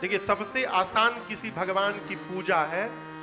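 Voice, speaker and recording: A man's voice: sits high, slow pace. A male katha preacher, telling devotional stories, quizzing his audience and chanting verses, on a stage mic in an echoey hall. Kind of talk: devotional storytelling sermon. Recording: echoey hall, faint music.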